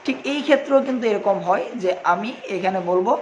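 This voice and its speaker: High-voiced Bangladeshi man teaching English. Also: a little fast, lo-fi sound, slight background noise. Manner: spells words out letter by letter, mixes English phrases into Bengali. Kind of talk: classroom English lesson explained in Bengali.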